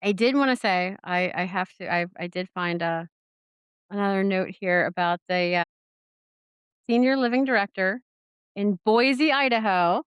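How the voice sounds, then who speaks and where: Chatty podcast woman, smooth and dry. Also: on the low side, moderate pace, a bit bright, no echo. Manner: rambling, lots of fillers and restarts, giggly asides. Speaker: podcast co-host. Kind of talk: casual chat.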